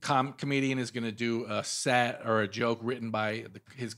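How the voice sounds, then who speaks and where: A man's voice: medium pitch, fairly even intonation, moderate pace, fairly bright tone. A man hosting a casual podcast, chatting about local events with fillers and restarts. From Queens, New York. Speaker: podcast host. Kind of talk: casual chat.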